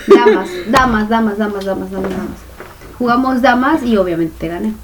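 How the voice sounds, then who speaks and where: A young woman co-hosting a chatty podcast, telling stories with teasing, animated delivery. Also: medium pitch, normal speed, a crowd in the background. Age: young adult. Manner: teasing, animated storyteller, acts out quotes. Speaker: podcast co-host. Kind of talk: casual chat between friends.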